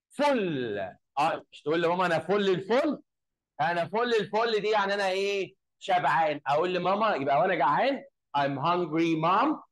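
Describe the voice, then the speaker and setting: Egyptian guy teaching kids english in a classroom, fairly high voice, says phrases slow over and over. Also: rough recording. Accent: Egyptian Arabic. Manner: drills phrases slowly and repeats them, questioning pupils. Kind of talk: classroom lesson.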